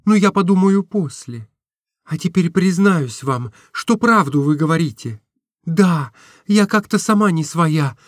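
Man voicing an excitable young woman. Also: sits high, no echo, studio quality, voice pushed up. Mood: earnest. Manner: breathless, emotional, rising exclamations. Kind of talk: audiobook reading.

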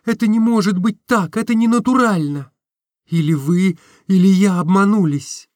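A distraught young woman on the edge of tears, as a male reader puts her on, her voice pitched well above his own and pushed louder. She pleads in breathless, imploring questions. The sound is close and dry. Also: moderate pace, no room sound, lightly acted. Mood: pleading.

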